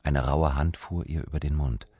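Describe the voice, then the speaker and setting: A man reading a novel's prologue aloud as a voice-over translator, in a measured, calm way. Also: rumbling low, husky.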